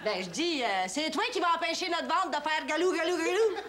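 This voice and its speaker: An actress playing a brash, earthy housewife with a strong Québécois accent, loud, blunt and teasing. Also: female voice, very high voice, sing-song, brisk, a crowd in the background. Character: brash, earthy Quebec housewife, middle-aged. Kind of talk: 1970s sitcom acting. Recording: old TV audio, hiss, loud laugh track.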